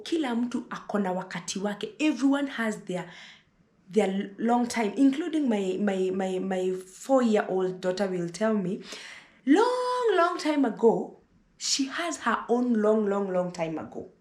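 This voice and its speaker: A woman in her thirties with a Kenyan accent talks to her viewers in a motherly, lecturing way, often calling for them to listen and repeating words for emphasis. Her voice sits at a middle pitch. The room she records in is echoey. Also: big pitch swings, measured pace, darkish tone. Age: 30s. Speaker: vlogger giving advice. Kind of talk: casual advice monologue to camera.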